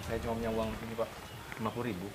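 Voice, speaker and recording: An actor playing a poor, patient husband who drives a motorbike taxi, speaking gently and pleading, in a web drama. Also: male voice, on the low side, little pitch movement, rapid-fire, close to an everyday voice. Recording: music playing underneath. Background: guitar music.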